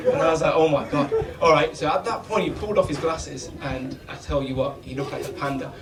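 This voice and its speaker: A man's voice: fairly high pitch, fairly even intonation, a little fast. A British man giving an informal, bantering, laddish best man speech at a wedding reception. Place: wedding reception, speaking to guests. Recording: distant mic, loud crowd and noise.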